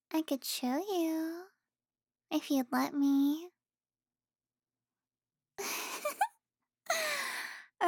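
A woman playing a teasing girlfriend, very high. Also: no echo, studio quality, heavily acted. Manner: teasing, soft, with frequent sighs and giggles. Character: affectionate teasing young adult girlfriend. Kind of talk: intimate audio roleplay.

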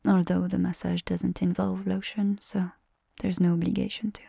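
A gentle, doting massage attendant, played by a woman in an ASMR roleplay, murmuring in a soft whisper with French endearments. Her voice is husky and mellow, with a gravelly creak under the breath. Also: fairly low pitch, little pitch movement, normal speed, no echo, clean studio sound, heavily acted. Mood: soothing.

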